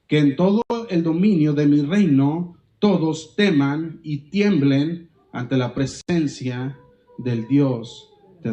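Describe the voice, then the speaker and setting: A man's voice: a little high, dark tone, poor audio. A male pastor preaching a sermon, reading scripture aloud and stopping to quiz the congregation with questions.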